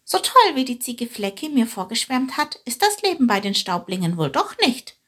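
A woman voicing a curious, easily startled young male sparrow in a storybook reading, breathy and high. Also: big pitch swings, moderate pace, a bit bright, heavily acted. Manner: eager, wondering questions.

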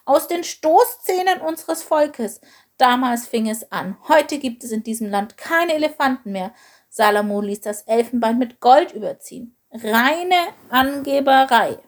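A woman voicing a gentle, wise old female elephant who tells stories in a storybook reading, calm and measured. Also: mid-range voice. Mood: indignant.

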